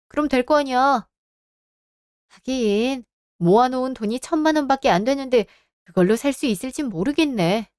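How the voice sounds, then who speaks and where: A woman's voice: high voice, a little mellow, no room sound, clean studio sound. A woman in her thirties who narrates and plays a composed, cutting wife in a radio drama. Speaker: narrator and lead of a story drama.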